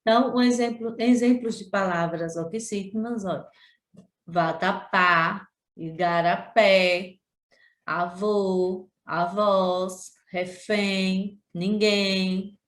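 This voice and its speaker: A woman teacher from Sergipe with a Brazilian accent, giving a remote lesson to children, repeating points and drawing out syllables. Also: mid-range voice. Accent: Brazilian Portuguese, Sergipe. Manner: slow, drawn-out syllables when pronouncing example words; addresses pupils directly, repeats points. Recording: echoey room.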